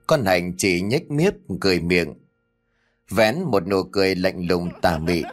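Một người đàn ông kể truyện ma theo kịch bản, giọng đều và kịch tính. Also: male voice, low-pitched. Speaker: storyteller. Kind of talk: scripted ghost story narration. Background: faint music.

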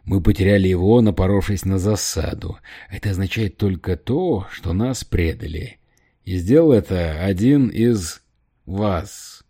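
A sardonic male operative who answers accusations with cool, cutting sarcasm, as a man reading the book puts him on. His voice sits low and dark, with a pointed, defiant edge. Audiobook character reading. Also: measured pace, husky, heavily acted.

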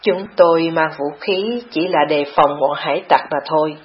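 A humble young refugee man, as a woman narrator acts him out in an audiobook, his voice lowered and quiet. He speaks softly, in a pleading way. The recording is dull and lo-fi. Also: normal speed, natural voice. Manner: soft, pleading.

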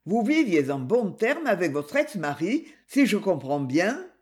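A woman reading aloud, voicing a male police commissioner who questions people in a measured, formal way. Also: medium pitch, sing-song, a little mellow. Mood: questioning.

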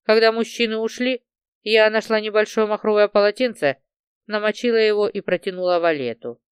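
A woman narrating a first-person crime novel in an even storytelling voice. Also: medium pitch, fairly quick, clear, resonant tone, dry recording, studio quality. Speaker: audiobook narrator.

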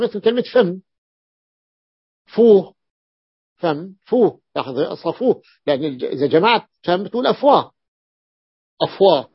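A man lectures on grammar with a gravelly, fairly high voice. He explains slowly, repeats words, and pauses on long drawn-out hesitations. The recording is dry and dull, with a lo-fi sound. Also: no room sound. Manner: slow and explanatory, repeating words and stretching them out. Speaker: teacher of Arabic morphology.

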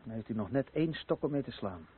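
An actor in a naturalistic radio play voices a bitter, sardonic male neighbour, leaning on words with scorn. His mid-range voice is animated and quick, with a breathy edge. The old recording is tinny, narrow-band and noisy.

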